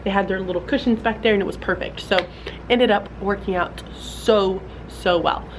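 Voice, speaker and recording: This fourth grade teacher, a young woman, speaks at a normal speed and medium pitch over a noisy background. She's vlogging from her classroom in a chatty, filler-heavy way, full of "like" and "um," and her nose is slightly blocked from a cold.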